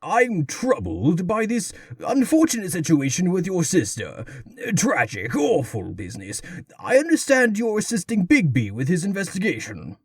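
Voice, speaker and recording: An older, pompous mayor-king in a comic dub, genial and fussy. His husky voice sits fairly high and swoops wildly, blustering theatrically in a dry, close recording. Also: huge pitch swings, normal speed, no room sound, exaggerated voice.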